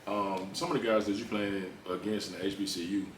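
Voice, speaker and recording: Male former athlete, lowish voice, casual and repetitive for emphasis, captured a bit far from the mic. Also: steady tone, a little fast. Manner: informal, repeats phrases for emphasis. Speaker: interview guest, former pro football player. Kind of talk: casual interview conversation. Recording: roomy echo, distant mic, faint noise.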